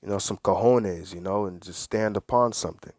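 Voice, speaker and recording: A man's voice: lowish voice, fairly quick, darkish tone, no echo, clean studio sound. A man giving preachy religious commentary, reading aloud and stressing words, repeating phrases and asking rhetorical questions.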